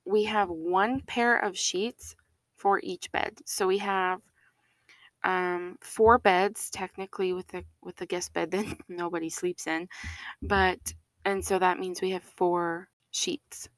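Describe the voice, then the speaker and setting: A woman co-hosts a podcast in relaxed, chatty conversation, her voice sitting a little low. She laughs easily and drops into playful whispers now and then. The sound is dry and close, with no room around it. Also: takes it slowly, no room sound. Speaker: podcast co-host. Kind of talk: casual chat.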